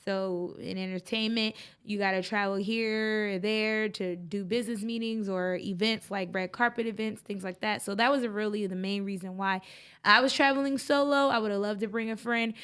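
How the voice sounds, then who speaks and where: A young adult woman co-hosting a podcast, telling travel stories in a chatty, animated way. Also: mid-range voice, moderate pace, clean tone. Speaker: podcast co-host. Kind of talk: casual chat.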